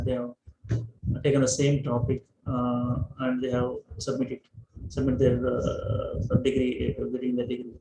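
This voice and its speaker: A man giving an online lecture, speaking hesitantly with many fillers and restarts. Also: mid-range voice. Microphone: microphone held away at first. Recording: echoey room, noisy line.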